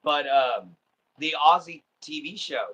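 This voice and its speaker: A livestream host from Southeast Texas, with a Texan accent, rambles in easygoing casual chat full of ums and uhs. His pitch is fairly high and his pace slow, heard over a noisy crowd in a rough recording.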